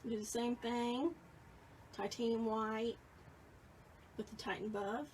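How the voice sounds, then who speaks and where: A woman's voice: on the high side, fairly even intonation, slow, darkish tone, distant mic, slight background noise, rough recording. A woman in her late fifties giving a casual, chatty painting lesson and reading viewer comments as she works. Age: 50s. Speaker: painting instructor. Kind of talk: live painting tutorial.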